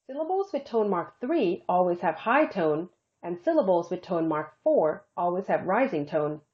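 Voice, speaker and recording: A woman narrating a scripted language lesson, slowing down carefully to demonstrate example syllables. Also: fairly low pitch, big pitch swings. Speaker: language instructor. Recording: dull lo-fi screencast audio.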